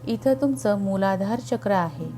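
A woman leads a guided meditation in a mellow, relaxed voice of middle pitch. She speaks very slowly and soothingly, leaving long, calm pauses between short phrases. Music plays behind her. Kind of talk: slow guided meditation narration. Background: background music.

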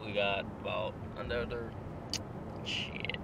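Young male vlogger, loose slangy delivery, lowish voice, filmed at arm's length over street noise. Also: flat delivery, slow, vocal fry. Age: young adult. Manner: loose slangy talk with frequent laughs. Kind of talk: casual road-trip vlog. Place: car, gas station and city streets outdoors. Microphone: handheld camera at arm's length. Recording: street and car noise behind.

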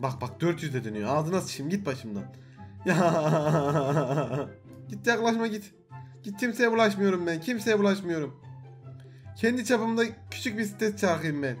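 A young man giving excitable let's-play commentary as a gaming YouTuber, swinging from loud shouts to low muttering.

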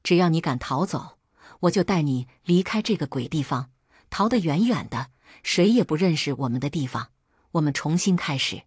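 A woman doing a brave young servant man, earnest and urging, husky voice, lively rise and fall, dry close sound. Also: deep voice, normal speed, no echo.

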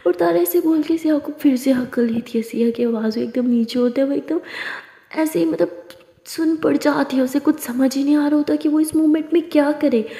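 A woman's voice: sits high, moderate pace, dark tone. A woman storyteller narrating a love story conversationally, mixing English words into her telling. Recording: echoey room with long reverb.

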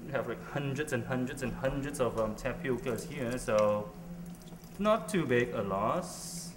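The host of this cooking show is a young man from Singapore, speaking at a measured pace with medium pitch and lively intonation. He chats casually but hesitantly, with frequent "ums," while cooking in a large indoor kitchen, and the distant camera makes the audio reverberant and noisy.

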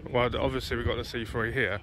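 A man's voice: mid-range voice, fairly even intonation, fast talker, fairly bright tone. A British man giving casual, matey, off-the-cuff commentary as a vlogger, recorded outdoors on a handheld phone. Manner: chatty, matey. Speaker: car show vlogger. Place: outdoors on a grassy car show field.

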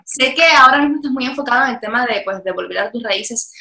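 A woman interviewer with a bright, high-ish voice talks quickly and briskly. Her voice sounds roomy, with a noticeable echo around it. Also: creaky. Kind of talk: casual interview conversation.

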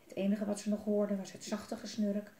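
A woman reading a children's book aloud in a gentle, expressive way, adding asides for young listeners. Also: mid-range voice, brisk, a little hiss or hum. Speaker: storyteller. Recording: roomy echo.

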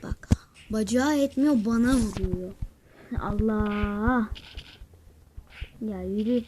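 A woman giving mobile gameplay commentary, excitable and talking to her viewers while she plays. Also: a little high, a little slow, noisy background. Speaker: gaming channel host.

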